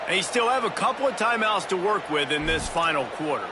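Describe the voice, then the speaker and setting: A man's voice: high voice, animated, fairly quick, background noise. A man giving play-by-play football commentary in the manner of a sports video game. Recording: loud stadium crowd and music behind.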